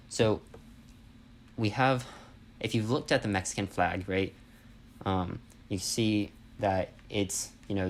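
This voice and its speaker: Male instructor, deep register, informal and explanatory lecture delivery, faint background noise. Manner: conversational, explanatory, often checks in with "right?". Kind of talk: informal spoken history lesson.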